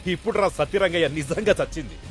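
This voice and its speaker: A man's voice: on the high side, animated, quick pace, faint music behind, close to an everyday voice. An actor playing a bitter man who goads someone over a disgrace. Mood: goading. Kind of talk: film drama dialogue.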